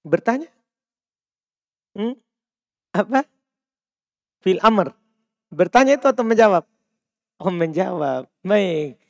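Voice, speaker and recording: A man's voice: high-pitched, lively intonation, slow, vocal fry, pauses often, no echo, studio quality. A man teaching an Arabic grammar reading class, quizzing students by name and explaining patiently. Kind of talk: classroom text-reading lesson. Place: mosque study circle.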